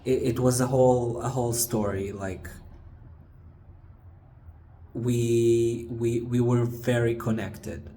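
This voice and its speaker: Slow, hesitant young man in an echoey stairwell. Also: medium pitch, level tone, warm tone. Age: 20s. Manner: hesitant, halting, with trailing pauses. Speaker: vlogger. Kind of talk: casual personal confessional to camera. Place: stairwell of an apartment building. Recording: echoey stairwell with background noise. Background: faint ambient building noise.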